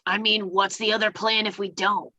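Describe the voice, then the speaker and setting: A woman's voice: medium pitch, flat delivery, normal speed, pushed and bright. A woman playing a tabletop game, jokey and blunt, swearing casually. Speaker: player.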